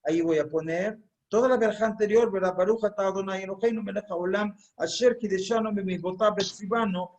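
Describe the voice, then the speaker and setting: High-voiced man teaching a class. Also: fairly even intonation, a little fast, hardly any pauses, a little mellow, muffled recording. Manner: explanatory, repeats key phrases for learning. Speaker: congregation teacher. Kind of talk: online religious class.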